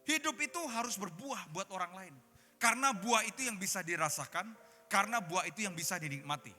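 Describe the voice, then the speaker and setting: A man's voice: high voice, animated, a little fast, bright, forceful tone. A male pastor giving an interactive sermon at a conference, playfully quizzing the congregation with questions. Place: large conference hall. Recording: reverberant hall with background music.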